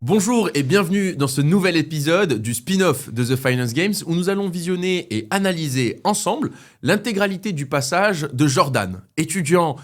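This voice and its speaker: A man hosting a relaxed finance video, chatting easily and pausing with hesitations as he introduces and comments. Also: fairly high pitch. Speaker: host.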